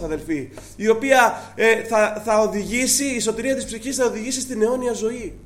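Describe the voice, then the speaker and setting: A man preaching a sermon to his congregation, asking rhetorical questions and quoting scripture earnestly. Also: very high voice.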